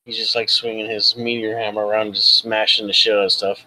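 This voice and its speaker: A man's voice: on the low side, level tone, fairly quick, pushed and bright, slight background noise, poor audio. A man introducing his tabletop character in casual, rambling, jokey chat. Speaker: guest game master and player.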